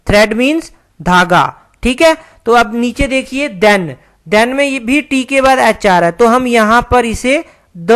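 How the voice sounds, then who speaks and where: Slow, careful woman teaching English. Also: on the high side, clean tone. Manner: slow, careful explaining, spelling words out letter by letter. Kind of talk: online language lesson.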